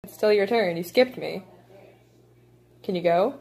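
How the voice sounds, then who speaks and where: A woman's voice: mid-range voice, measured pace, gravelly, dark tone. A young woman at home, casually explaining game rules to a child while they play. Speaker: channel host playing a card game with a child. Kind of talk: casual chat. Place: home, indoors.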